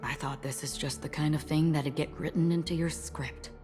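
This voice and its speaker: A woman voicing a calm, deadly and enigmatic swordswoman in a video game, with measured, cryptic, formal delivery. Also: deep voice, close to an everyday voice. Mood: cool, probing. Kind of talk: dramatic video game voice acting. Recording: long reverb under game music.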